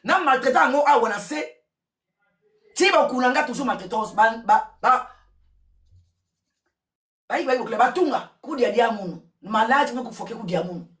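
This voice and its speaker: Woman, casual gossip commentary, excitable, switches languages, roomy echo. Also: on the high side, moderate pace, pauses often. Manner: switches between French and Lingala, repeats words, excitable. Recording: roomy echo, distant from mic.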